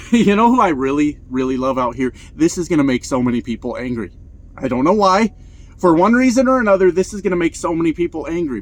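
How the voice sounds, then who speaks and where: A man talking in a casual vlog about trucking, blunt and profane, telling stories with lots of energy. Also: on the high side. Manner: blunt, profane, animated storytelling. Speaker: truck driver vlogger. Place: inside his truck cab.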